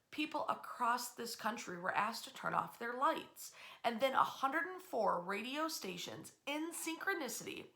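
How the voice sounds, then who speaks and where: Pitched on the high side with a touch of vocal fry, a woman runs a casual history storytelling talk. Her speech is conversational, full of animated asides and emphatic pauses.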